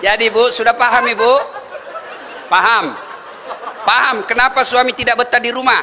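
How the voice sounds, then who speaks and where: A man's voice: very high voice, fairly even intonation, moderate pace, pushed and bright, a faint crowd, slight background noise. A man giving a humorous sermon, telling stories and chuckling as he talks. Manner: joking, storytelling, chuckling. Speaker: preacher. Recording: reverberant hall.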